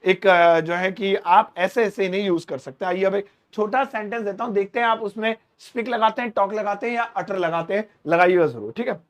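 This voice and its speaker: Male English teacher, high voice, quizzes himself aloud, drags out example phrases slowly. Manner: asks questions and answers them himself; slows down to spell out English phrases. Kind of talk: spoken English lesson explained in Hindi. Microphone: speaking to camera.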